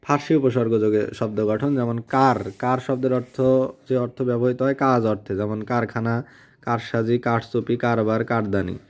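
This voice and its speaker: A man with a Bangladeshi Bengali accent, reading a grammar word list aloud in a steady teaching style. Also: mid-range voice, normal speed. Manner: flat, steady word-by-word listing.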